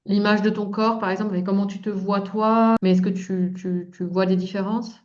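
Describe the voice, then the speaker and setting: A woman's voice: medium pitch, flat delivery, moderate pace, darkish tone. Dull-sounding recording of a woman interviewer. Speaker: interviewer, coach. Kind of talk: informal interview questioning.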